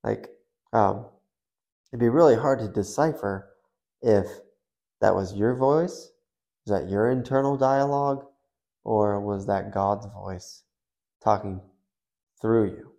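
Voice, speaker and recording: A man with a fairly low, warm voice hosts his own faith podcast, speaking slowly and pausing often. In this casual monologue he talks loosely and conversationally through hypotheticals.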